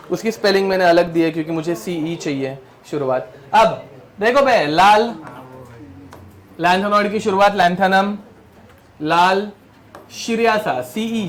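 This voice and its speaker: A man teaches chemistry to a class, speaking with a tinge, mixing Hindi with English terms and drilling mnemonics. He scolds students who turn around. His voice is high-pitched and slow, with frequent pauses.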